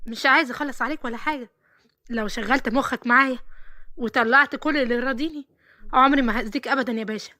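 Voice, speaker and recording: A woman's voice: high-pitched, rapid-fire, sharp tone. An Egyptian woman voicing a sly, threatening male doorman who wheedles and menaces. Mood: menacing.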